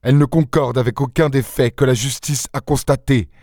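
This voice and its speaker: A man's voice: mid-range voice, fairly even intonation, brisk, a little mellow, no room sound, studio quality, pitched above the performer's own voice, natural voice. A man voicing an impatient, sneering count. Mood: scoffing. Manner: impatient, scoffing.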